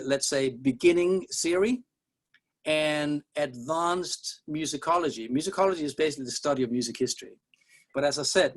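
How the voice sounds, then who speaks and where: A middle-aged Danish man with a Danish accent and a mid-range voice gives an opening college music lecture. He is discursive and wry, sprinkling in self-deprecating jokes.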